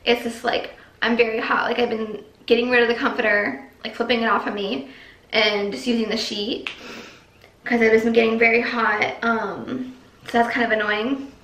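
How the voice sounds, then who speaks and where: Recorded in an echoey, unfurnished nursery at home, a pregnant young woman gives a chatty vlog update, breathless and meandering with plenty of fillers and "likes." Her fairly high, slightly bright voice is delivered flatly at a moderate pace.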